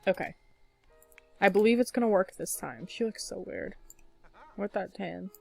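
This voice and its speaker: A woman's voice: medium pitch, lively intonation, moderate pace, vocal fry, soft background music. Chatty woman narrating gameplay. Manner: chatty, laughs often, frequent fillers. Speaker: let's play gamer. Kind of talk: casual gameplay commentary.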